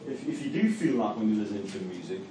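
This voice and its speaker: A fast-talking, animated middle-aged Geordie man from Newcastle, England, with a fairly low-pitched voice, gives a university lecture and leads a class discussion. He is hesitant, often repeating words, restarting phrases and using fillers, captured from far off in an echoey room with faint noise.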